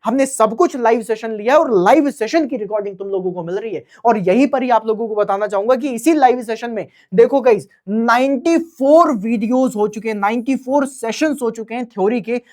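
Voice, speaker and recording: A man's voice: extremely high pitch, fairly quick, hardly any pauses, darkish tone. A young man teaching a live online exam-prep class, chatty and keeps checking in with his students.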